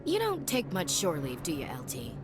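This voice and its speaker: A woman's voice: low-pitched, huge pitch swings, normal speed, music in the background. An actress playing a wisecracking female soldier who talks in a teasing, sardonic way.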